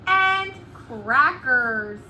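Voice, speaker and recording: A preschool teacher with a high-pitched voice gives an animated read-aloud lesson to young children. She enunciates words deliberately and asks them questions, with faint music playing behind her.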